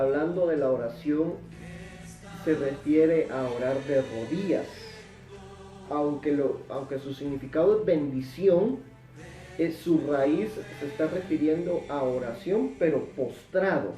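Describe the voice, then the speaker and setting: A man's voice: a little high, animated, a little slow, warm tone, roomy sound, recorded from a distance, faint music behind, poor audio. A man teaching a Bible sermon in an emphatic way, repeating words for stress. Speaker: preacher.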